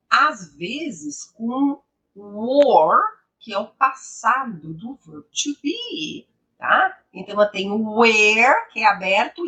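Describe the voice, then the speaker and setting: A woman teaching English grammar, explaining slowly and repeating each example sentence with emphasis. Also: on the high side, pushed and bright, distant mic.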